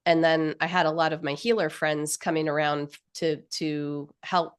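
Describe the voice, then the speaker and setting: A woman in her fifties hosting an author info session over a video call, sounding nasal from a cold and talking with enthusiastic, rambling warmth. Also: low voice, level tone, normal speed, smooth. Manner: enthusiastic, grateful, rambling with fillers. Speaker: publisher and host.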